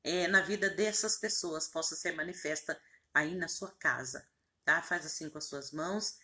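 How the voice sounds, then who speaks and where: A woman's voice: sits low, moderate pace, sharp tone. A woman, a pastor leading a fervent spoken prayer with repeated invocations and rising emphatic phrases.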